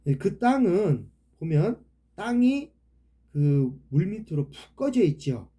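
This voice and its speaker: A man from Chungcheong, South Korea, with the region's accent, gives a rambling, casual preaching talk, dropping a "ye" filler after almost every phrase. His voice is high, sing-song and mellow, and he speaks slowly.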